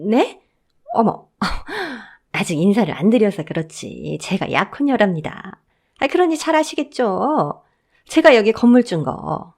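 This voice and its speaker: A woman voicing a brash middle-aged mother-in-law who shouts haughtily in a shrill voice. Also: wildly swooping pitch, moderate pace. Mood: fawning.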